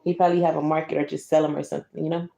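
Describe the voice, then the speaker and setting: This woman's low, creaky, mellow voice races along at a level tone as she reads a picture book to a child, with reverberation around her. Between passages she drops into casual asides, pointing out pictures and explaining things to her young listener.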